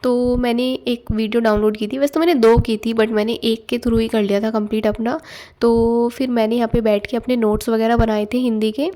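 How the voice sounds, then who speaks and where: A woman's voice: a little high, level tone, a little fast, warm tone. A young woman narrating her study day in a casual vlog, chatty and loose, mixing in English words. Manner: chatty, loose Hindi-English mix with fillers. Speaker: exam aspirant vlogger. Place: at home.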